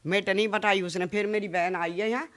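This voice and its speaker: Her medium-pitched voice is fairly bright, with fairly even intonation, as this Haryanvi-accented mother of the interviewee retells a family fight for a local news interview. The emotional account comes fast and pleading, studded with quoted back-and-forth.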